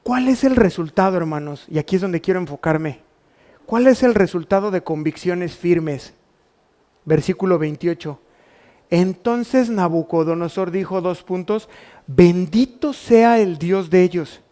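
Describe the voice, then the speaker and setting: Pastor, Mexican Spanish accent, male, lightly raised pitch, preaching with rhetorical questions to his congregation. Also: measured pace, dark tone. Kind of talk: sermon. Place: church.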